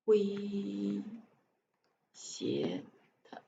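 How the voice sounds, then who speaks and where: Her mid-range voice is warm, with wildly swooping pitch, drawn-out words and vocal fry. A native Chinese speaker reading English aloud, she trips over words, repeats them while sounding them out, and gives translations aloud. The live-stream audio is dull and lo-fi with faint noise.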